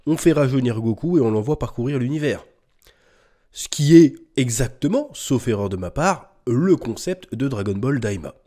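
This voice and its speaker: A man hosting a casual news reaction video, talking informally and ranting with indignant outbursts. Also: medium pitch. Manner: animated, ranting, rising to indignant peaks; informal slang and swearing. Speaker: host.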